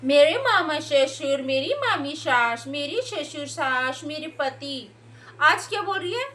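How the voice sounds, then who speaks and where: A young YouTube reaction commentator rants heatedly in a high, animated, slightly bright voice, taking it slowly. She scolds and uses sarcasm, mocking the people she criticizes by mimicking them. Slight background noise is audible.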